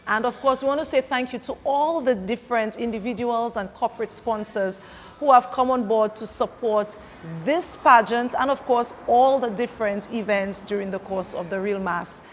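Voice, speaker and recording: A woman's voice: a little high, normal speed. A woman hosting a live pageant interview and addressing viewers. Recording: reverberant hall, faint background noise.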